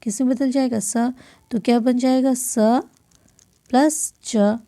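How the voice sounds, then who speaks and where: A woman teaching a grammar lesson step by step, posing questions and answering them herself, often clearing her throat and correcting herself. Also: high voice, steady tone, takes it slowly, warm tone.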